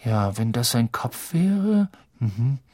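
A man's voice: medium pitch, big pitch swings, takes it slowly, mellow. A man reading an audiobook, voicing a joking teenage schoolboy with an offhand, mocking drawl.

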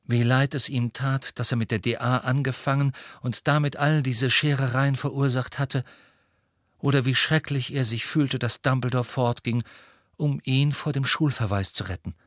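A man narrating an audiobook with steady, expressive storytelling. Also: mid-range voice, normal speed, no room sound, studio quality. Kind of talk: audiobook reading.

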